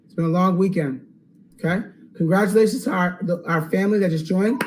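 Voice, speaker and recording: A man hosting a live webinar Q&A, upbeat and salesy, checking in with "okay?" and going hoarse. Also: high-pitched, steady tone, a little fast, background noise. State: losing his voice. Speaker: online course host.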